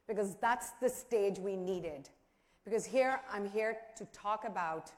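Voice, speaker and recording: Pakistani lady doing a chatty conference talk, highish voice, lots of hall reverb. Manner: engages listeners with direct questions. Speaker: conference speaker. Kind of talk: conversational presentation to an audience. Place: large indoor event hall. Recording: echoey hall with long reverb.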